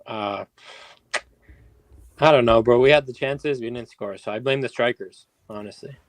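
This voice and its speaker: A man's voice: medium pitch, moderate pace, no room sound, rough recording. A man joining a casual sports discussion as a guest on a stream.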